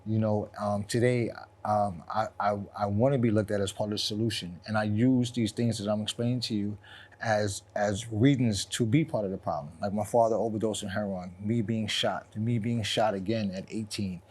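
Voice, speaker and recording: Low-pitched man in his forties from New York, measured and candid interview guest. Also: fairly even intonation. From South Jamaica, Queens, New York. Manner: reflective, soft-spoken, frequent ums and repeats.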